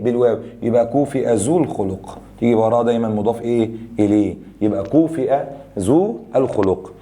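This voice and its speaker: A young adult man with an Egyptian Arabic accent leads a grammar review lesson, explaining rules and firing quick questions at students. His voice is mid-range and mellow.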